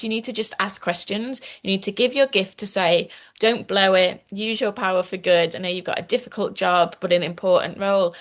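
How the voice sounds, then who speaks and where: A woman's voice: on the low side, a bit bright. A woman with a Scouse accent, a guest in a podcast interview, explaining at length in an earnest way with frequent restarts. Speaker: guest, activist and author.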